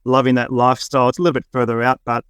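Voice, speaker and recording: An Australian man from Melbourne, a guest relaxed in a casual chat, using fillers as he tells stories. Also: medium pitch, very fast, clear, resonant tone, no echo, clean studio sound. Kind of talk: casual storytelling.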